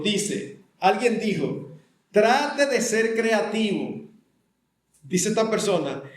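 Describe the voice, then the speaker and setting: Older Dominican man, pastor, conversational sermon, slightly high voice, echoey room. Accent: Dominican Spanish. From Dominican Republic. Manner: conversational, acts out family dialogues with voices. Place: church hall.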